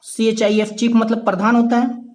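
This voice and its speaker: An English grammar teacher gives a classroom grammar lesson in a high, animated, brisk voice with a darkish tone. He teaches patiently, repeating key points for emphasis and checking in with "ठीक है". He calls his viewers "my dear friend".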